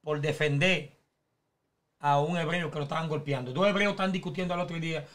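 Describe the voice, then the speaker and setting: High-voiced man explaining scripture. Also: fairly quick, a bit bright. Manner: teaching, explains Bible stories step by step. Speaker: preacher in panel talk.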